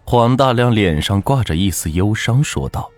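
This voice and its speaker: A man narrating a folk ghost story in a dramatic, measured way. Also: lowish voice, animated, a little mellow, dry recording, faint music behind.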